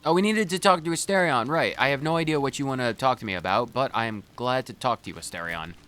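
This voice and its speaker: A man's voice: mid-range voice, fast talker, a bit bright, smooth. Joking man doing let's play commentary. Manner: joking, rambling, talks back to game characters. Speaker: gaming video host.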